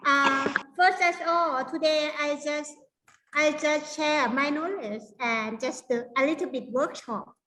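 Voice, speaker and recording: A middle-aged woman with a Thai accent, giving an informal online lecture in halting non-native English. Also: sits high, pushed and bright, low-quality recording. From Thailand. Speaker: university lecturer presenting a workshop.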